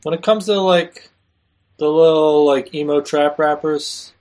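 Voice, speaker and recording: A man's voice: on the high side, fairly even intonation, a little slow, a little mellow. A man talking informally as a podcast co-host. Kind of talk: casual chat.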